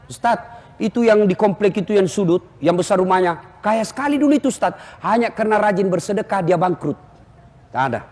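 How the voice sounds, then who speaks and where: A man preaching a humorous sermon to a crowd, joking and animated and breaking into shouts. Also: high-pitched, a little fast, long reverb tail.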